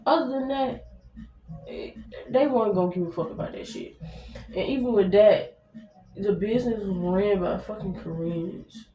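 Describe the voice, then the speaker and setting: A woman's voice: mid-range voice, moderate pace, long pauses, warm tone, soft background music. A young American woman telling a story casually to viewers, blunt and slangy, swearing heavily. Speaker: vlogger. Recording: roomy echo, distant mic, faint noise.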